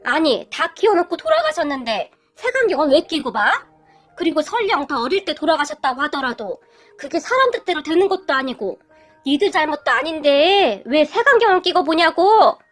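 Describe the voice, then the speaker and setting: Woman reading fiery middle-aged mother-in-law, indignant, scolding, high and lively. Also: moderate pace, faint music behind.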